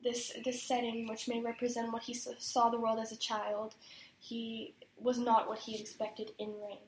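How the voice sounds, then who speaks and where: A woman's voice: a little high, monotone, normal speed, slight background noise. A woman student answering exam questions about a poem, hesitant, with frequent restarts and fillers. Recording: echoey room.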